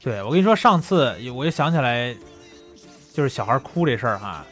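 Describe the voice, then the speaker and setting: Chatty man, quick and lively. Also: mid-range voice, soft background music. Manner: chatty, laughs easily, prompts the other host. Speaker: podcast co-host. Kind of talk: casual chat.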